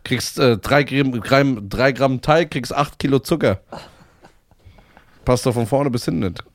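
A man's voice: medium pitch, a little slow, dry recording. A man chatting on a podcast as a guest, joking crudely and mimicking other people. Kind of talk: casual chat.

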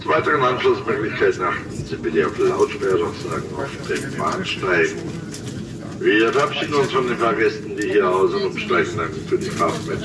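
A male train conductor making routine, measured stop announcements over the train's intercom loudspeaker, recorded inside a moving train. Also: sits low, expressive. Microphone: handheld recording of the loudspeaker. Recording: echoey, distant loudspeaker capture with loud noise.

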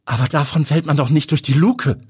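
A man voicing a brisk middle-aged female estate owner, with a husky edge. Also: fairly high pitch, no room sound, clean studio sound, pitched above the performer's own voice.

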